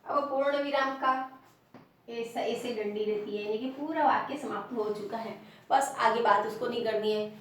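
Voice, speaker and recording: A primary school teacher with a Rajasthani Hindi accent and a slightly high voice gives a classroom lesson, explaining slowly and stressing example sentences as she repeats them. She is recorded off-mic from a distance in a very echoey room, with a little hiss or hum.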